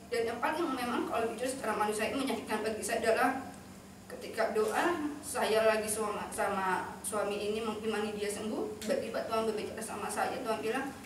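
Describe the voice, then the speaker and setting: A woman speaks earnestly, telling a heartfelt testimony to a church gathering. Her voice sits a little high. She is heard from a distance in a very echoey hall, with steady background noise. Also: a little fast. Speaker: church member giving testimony. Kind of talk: personal testimony to a congregation. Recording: echoey hall, mic far off, noisy.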